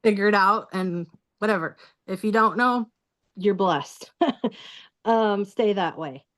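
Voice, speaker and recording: A woman talking casually as a guest, halting with many fillers and restarts. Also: mid-range voice, fairly bright tone. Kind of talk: casual recorded conversation.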